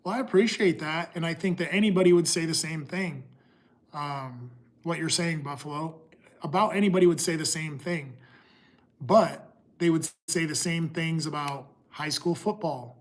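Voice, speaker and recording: A middle-aged man talking casually to his livestream viewers, pausing and restarting often. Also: on the high side. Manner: halting, restarts often, talks to chat. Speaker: livestream host.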